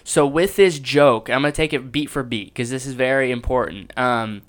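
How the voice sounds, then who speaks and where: A comedian talking excitedly and reflectively as he breaks down his own stand-up set. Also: mid-range voice, normal speed. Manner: enthusiastic and self-reflective, with restarts.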